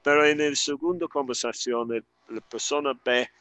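A man's voice: medium pitch, moderate pace, fairly bright tone, clear, resonant tone, no echo. A man teaching an online language lesson, explaining grammar patiently and carefully. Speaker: English teacher.

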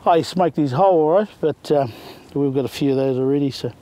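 A man's voice: on the high side, fast talker, dark tone. A middle-aged man with a broad New Zealand accent, a fisherman chatting casually and understatedly outdoors. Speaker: local eel fisherman. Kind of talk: casual chat. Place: open grassy wetland, outdoors.

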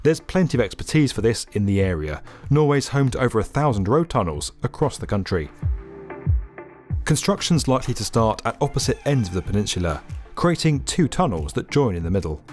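A man narrating a scripted documentary in a lively, upbeat explainer manner. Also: medium pitch, fairly quick. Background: faint background music.

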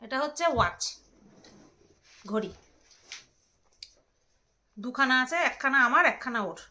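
A woman's voice: high-pitched, lively intonation, unhurried, bright, forceful tone. A woman, chatting casually as she unboxes items and teases her husband. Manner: teasing, bickering with her husband. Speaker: vlogger. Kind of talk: casual home vlog, unboxing.

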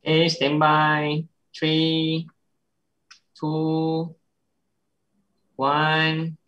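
A woman counting down for a virtual group photo, slow and flat. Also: sits low, highs cut off.

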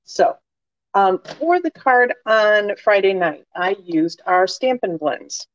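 A woman's voice: medium pitch, lively intonation, slow, dry recording, dull audio. Chatty woman with a slight cold. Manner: chatty, warm, many fillers and asides to viewers. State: slight cold, cough drop in mouth. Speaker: crafting demonstrator. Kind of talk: casual live-stream demonstration.

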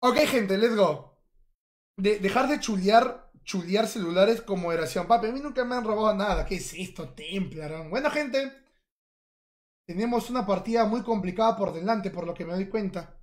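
A man's voice: high-pitched, normal speed. A man giving casual, teasing live-stream commentary while he plays and chats with his viewers. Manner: playful, teasing, chatty with viewers. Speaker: game streamer.

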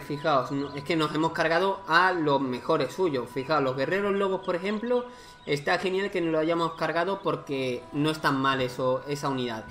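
A gaming YouTuber with a fairly high, slightly bright voice provides casual let's-play commentary on a strategy game, thinking aloud and exclaiming as he goes.

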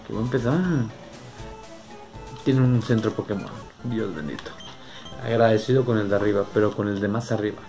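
A man's voice: on the low side, a little fast, long pauses, a little mellow. A young man with a Mexican accent giving slangy, casual gameplay commentary. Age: young adult. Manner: slangy, informal. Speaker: gaming YouTuber. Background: game music.

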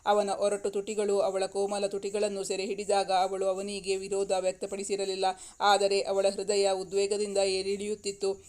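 A woman's voice: medium pitch, monotone, moderate pace, darkish tone. A woman storyteller reading a serialized romance novel aloud as scripted narration.

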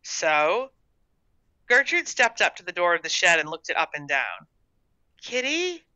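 A woman reading her own short story aloud in an expressive storybook narration, on a dull, dry recording. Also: on the low side, brisk, no room sound.

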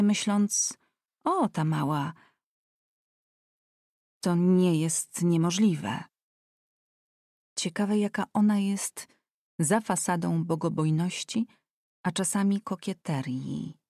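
A woman reading an audiobook voices a kind, frank young man who speaks calmly and persuasively. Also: fairly low pitch, no room sound, studio quality.

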